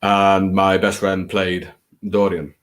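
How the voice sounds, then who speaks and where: His voice sits low with little pitch movement and a fairly bright tone, and he takes his time. He's a Scouse-accented man from England running a late-night livestream, chatting in a rambling, hesitant, self-deprecating way with theatrical flair.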